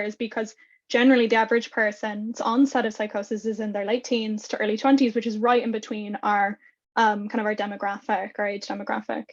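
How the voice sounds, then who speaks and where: A young woman presenting in a youth workshop, talking in a halting way with fillers and self-corrections. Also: on the high side, highs cut off.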